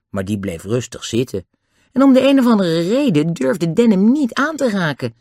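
A man reading a children's adventure story aloud, in a lively, expressive way. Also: on the high side, no echo, clean studio sound. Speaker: narrator. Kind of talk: audiobook narration of a children's book.

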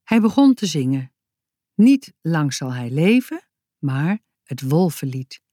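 A woman author reading her own children's story aloud, slow and expressive. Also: low voice, dry recording, studio quality.

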